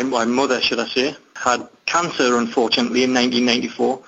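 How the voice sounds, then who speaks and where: A man's voice: medium pitch, a bit bright. Geordie man on a muffled line. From northeast England. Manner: earnest, measured storytelling. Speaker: interview guest, long-distance runner. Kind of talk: casual interview.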